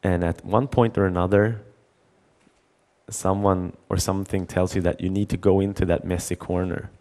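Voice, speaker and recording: A middle-aged conference speaker with a low-pitched, warm voice keeps a level tone at normal speed. His talk is a story told with frequent restarts and repeated words, complete with acted-out dialogue.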